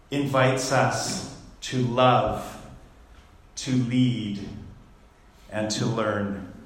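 A man preaching a sermon in a slow, deliberate way, pausing between words. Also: mid-range voice. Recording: very echoey room.

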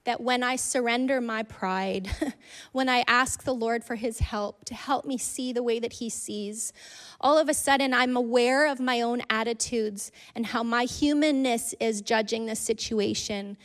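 A woman telling a personal faith story to a congregation, earnest and conversational, with frequent "like"s and soft laughs. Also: fairly high pitch. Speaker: speaker sharing a testimony. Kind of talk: personal testimony in a church talk.

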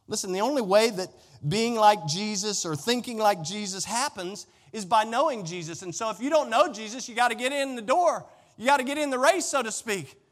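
High-pitched and expressive, this pastor talks a little fast with few pauses as he delivers his sermon. He preaches emphatically to a congregation in a large indoor room, using folksy direct address and repeating phrases, all carried by a hall's long echo.

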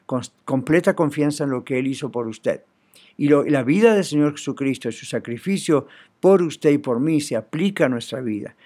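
A man's voice: fairly high pitch, darkish tone. A man preaching an earnest, pleading evangelistic sermon.

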